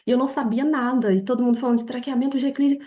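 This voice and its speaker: A young adult woman with a Brazilian Portuguese accent, a podcast guest telling her story in a lively way, laughing often and acting out quoted dialogue. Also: high-pitched, quick pace. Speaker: podcast guest, affiliate marketer. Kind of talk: casual interview storytelling.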